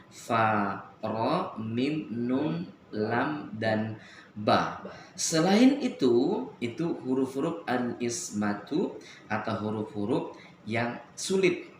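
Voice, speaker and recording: A man teaching Quran recitation on the radio, slowly drawing out Arabic letter sounds as he demonstrates them. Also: mid-range voice, echoey room, a little hiss or hum. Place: radio studio.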